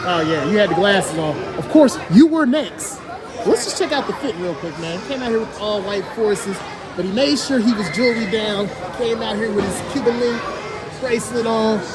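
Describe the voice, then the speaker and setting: A woman's voice: medium pitch, normal speed. A woman doing casual, upbeat on-the-spot interviews at a youth football event, hyping up each player in a slangy way. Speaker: sideline interviewer. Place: outdoor sports event. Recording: crowd and music behind.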